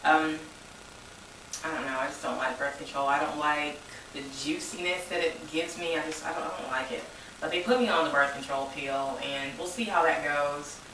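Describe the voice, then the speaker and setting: A woman's voice: sits low, normal speed, far from the mic, noisy background. Echoey twenty-something woman vlogging. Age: 20s. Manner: rambling, informal, says y'all. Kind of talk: casual personal vlog. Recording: echoey room, voice a bit off mic.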